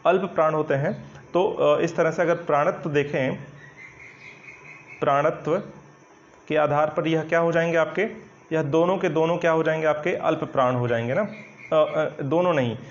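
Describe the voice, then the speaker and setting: A man with a somewhat high voice gives a Hindi grammar lesson and explains each point patiently and step by step. He keeps checking that students follow and fills his pauses with hesitations. The recording sounds dull and lo-fi. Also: fairly even intonation, slight background noise. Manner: explanatory, repeats "ठीक है ना" often, hesitant fillers. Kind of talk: online coaching lesson at a whiteboard.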